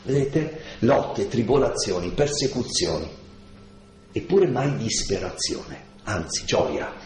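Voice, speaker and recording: A man giving a slow, deliberate lecture on scripture, stressing key words and asking rhetorical questions. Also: lowish voice, very animated, a little mellow, a little hiss or hum. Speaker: lecturer on Paul's letters. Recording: echoey room with faint ambience.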